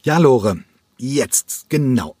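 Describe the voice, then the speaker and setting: An urgent, persuasive ballet director, voiced by a man reading an audiobook, pitched up a little from a low, husky reader's voice. He presses and insists, impatient to get his way. The dry, close recording has no room sound. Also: expressive, extremely slow, a little mellow, no room sound, heavily acted. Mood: cheering.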